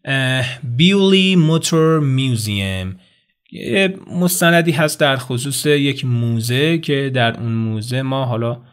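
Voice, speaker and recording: A man giving a video English lesson in Persian, explaining phrases and saying English examples slowly and clearly. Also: medium pitch. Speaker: English teacher.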